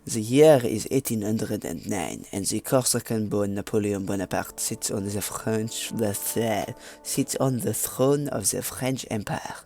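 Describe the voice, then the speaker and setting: A man's voice: lowish voice, a little slow, gravelly, hardly any pauses, warm tone. A man reading game story text aloud in a hammy mock French accent, stumbling over words as he goes, with faint game music behind.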